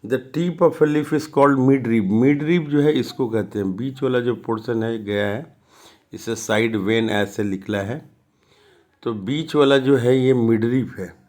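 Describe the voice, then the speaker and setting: A man with a Bihari accent, a school science teacher, slowly explaining worksheet answers and mixing Hindi with read-out English. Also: mid-range voice, darkish tone. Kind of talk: classroom lesson explaining answers.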